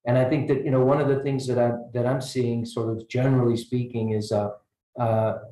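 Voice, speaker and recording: An American man speaks as a discussion panelist, often restarting and repeating words while he thinks. His medium-pitched, mellow voice moves briskly with little pitch variation, and the recording has a roomy echo.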